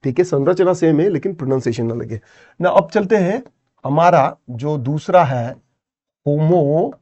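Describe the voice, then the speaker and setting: A man's voice: a little high, lively intonation, moderate pace, warm tone, lo-fi sound. Man teaching an English lesson with Indian English. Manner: explains step by step, repeats terms, many "theek hai" checks. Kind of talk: exam-prep lesson.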